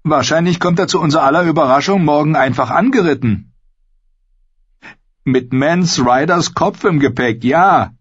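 A man voicing a cheeky, joking young male recruit who talks quickly and teasingly. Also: on the high side, slightly rough, dry recording, muffled recording, voice pushed up.

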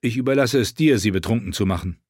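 A man's voice: lowish voice, lively intonation, fast talker, darkish tone, husky, no room sound, studio quality. A man voicing a grim, burdened young commander with an earnest, urgent way of speaking, in an audiobook story. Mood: grave.

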